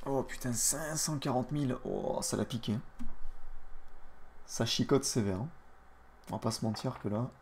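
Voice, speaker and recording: Man, gravelly voice, live game-stream chatter, crude mocking trash talk, mumbled asides. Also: mid-range voice, moderate pace, long pauses, slight background noise. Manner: mutters under his breath between louder outbursts. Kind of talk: casual live-stream commentary.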